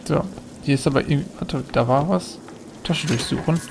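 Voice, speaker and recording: A man's voice: on the high side, brisk, creaky, background noise. A man giving casual, chatty commentary while playing a video game, thinking aloud as he goes. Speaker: let's play gamer.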